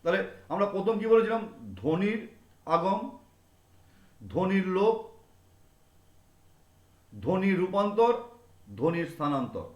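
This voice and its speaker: A man's voice: high voice, lively intonation, unhurried, pauses often, a little mellow, lo-fi sound. A male teacher giving a classroom grammar lesson, repeating example words over and over to drill them in. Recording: echoey room.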